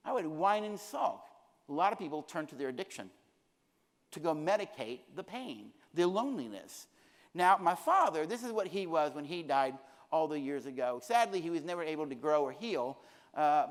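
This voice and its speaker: A middle-aged man presenting at a conference, speaking earnestly and repeating phrases for emphasis. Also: fairly high pitch. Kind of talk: conference lecture. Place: conference hall. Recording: long hall reverb.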